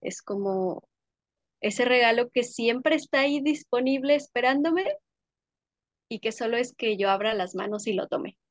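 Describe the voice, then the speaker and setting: A young woman guest in a casual interview, talking warmly and effusively about sensory pleasures, often laughing. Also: on the high side, a little slow, no echo. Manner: warm, effusive, sensory descriptions with frequent laughs. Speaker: podcast guest, workshop leader.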